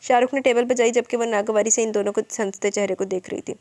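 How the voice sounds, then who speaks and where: A woman reading a romance novel aloud as narrator, in one steady, rapid flow. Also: fairly high pitch.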